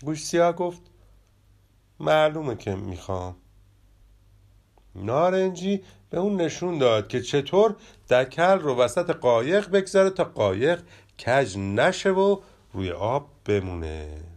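A man reading a children's story aloud in an expressive, animated manner. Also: a little high.

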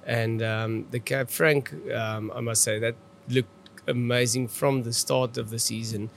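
A man's voice: medium pitch, flat delivery, measured pace, creaky. South African man with Afrikaans accent, background noise. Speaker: viticulturist, podcast guest. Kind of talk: conversational interview answers.

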